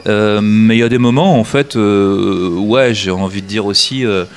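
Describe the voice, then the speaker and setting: Hesitant low-voiced man from northern France. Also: normal speed. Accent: standard French, traces of northern French. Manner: hesitant, many restarts and fillers. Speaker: actor, interview guest. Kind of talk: relaxed conversational interview.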